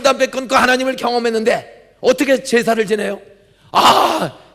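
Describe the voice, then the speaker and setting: An older man, a pastor, giving a dramatic sermon full of storytelling, acted-out dialogue and sudden loud outbursts. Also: sits high, creaky. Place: large church sanctuary. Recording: church hall reverb.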